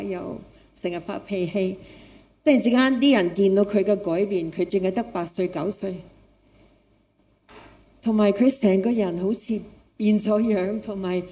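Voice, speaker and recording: A woman preacher speaks Cantonese as a second language, with a foreign accent. Her voice is mellow and relaxed at a middling pitch. She gives a sermon with personal testimony, repeating key phrases and asking her listeners questions. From outside Hong Kong, a foreigner. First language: not Cantonese.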